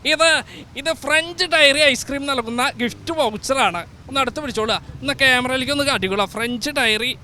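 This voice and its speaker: A man's voice: very high voice, normal speed, sharp tone, a little hiss or hum, exaggerated voice. A man playing a festive, teasing King Mahabali who hosts a comic outdoor street show with quizzes and giveaways. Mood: cheerful. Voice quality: playful, with teasing exclamations. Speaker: host.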